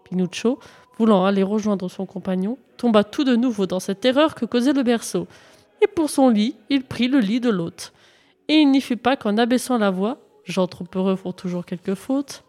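A woman reads a classic verse tale aloud in a measured recitation. Her voice is mellow and soft-edged, pitched a little high. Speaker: reader.

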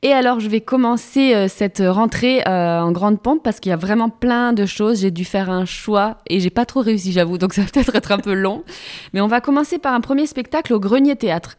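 This woman in her thirties, from France, is a radio theatre columnist chatting casually, full of fillers and restarts. Her voice is medium-pitched with a darkish tone, captured on a studio microphone.

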